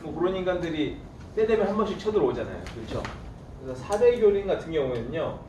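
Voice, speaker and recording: Speaking fast, this history teacher lectures in a slightly high, animated voice, peppering the class with questions he then answers himself and teasing them playfully. The lo-fi audio picks him up from afar in an echoey room, with faint noise behind him.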